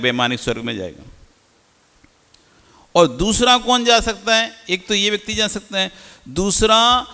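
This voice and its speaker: A man's voice: fairly high pitch, sharp tone, long reverb tail. A man, a Jain monk, giving a teacherly sermon and often putting questions to his listeners. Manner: rhetorical questions to the audience, teacherly.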